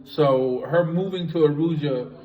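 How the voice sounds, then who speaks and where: A man's voice: fairly high pitch, a little slow, roomy sound, narrow, tinny audio, a little hiss or hum. A man in his late fifties from the United States, co-hosting a casual vlog chat in a blunt, rambling way. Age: 50s. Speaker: vlog co-host.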